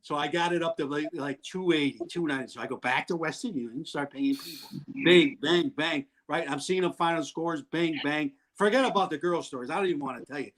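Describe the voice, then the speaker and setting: A man telling wild stories in an animated way, loudly acting out what people said and laughing often. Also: a little high, fairly quick. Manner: excitable, acts out quotes loudly, laughs often. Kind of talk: animated storytelling.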